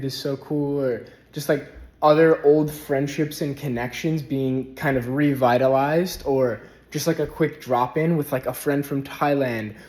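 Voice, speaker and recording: A young man speaks in a relaxed, meandering way, stringing thoughts together with lots of "like" and "um". He talks casually to camera for his spiritual vlog from a rented house, his voice at an everyday middle pitch. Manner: relaxed, rambling, heavy use of "like". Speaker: spiritual vlogger.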